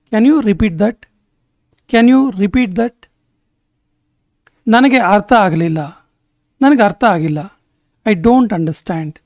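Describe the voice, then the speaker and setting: A man teaching spoken English, saying each short sentence twice in a slow, deliberate way. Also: extremely high pitch, darkish tone, no echo, studio quality. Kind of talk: spoken language lesson.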